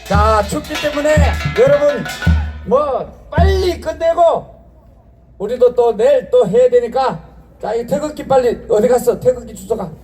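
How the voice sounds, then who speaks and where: Very high-pitched male rally MC. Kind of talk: informal rally announcing. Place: outdoor street rally. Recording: loudspeaker with loud music behind.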